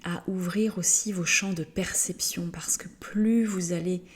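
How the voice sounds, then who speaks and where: A woman giving a slow channeled spiritual message, gentle and halting, often pausing to search for words and yawning between phrases. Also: fairly low pitch, fairly even intonation, slightly rough. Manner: hesitant, halting, many fillers and pauses; yawns often during the session.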